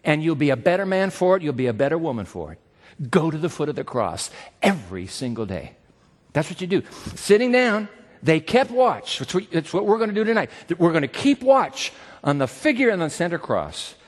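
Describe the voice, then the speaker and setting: A man preaching a sermon as pastor, dramatic and swinging from loud declarations to hushed words. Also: fairly high pitch, sing-song, fairly quick. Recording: long hall reverb.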